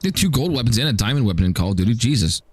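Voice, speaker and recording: A man's voice: on the low side, very animated, very fast. A man chatting casually on a livestream while he plays a game, joking and often stammering as he restarts his sentences. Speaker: streamer.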